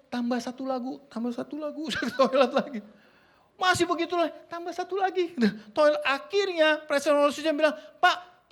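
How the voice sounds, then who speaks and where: A man's voice: high-pitched, fairly bright tone. A man preaching, telling humorous stories and often calling out to the congregation. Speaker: pastor. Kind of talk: sermon. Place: church service.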